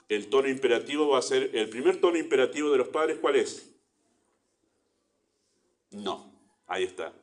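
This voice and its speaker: A man with an Argentine Spanish accent delivers a sermon in a church. His voice sits a little low, and he preaches earnestly, swelling into emphatic bursts and then falling back to quiet asides. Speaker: pastor.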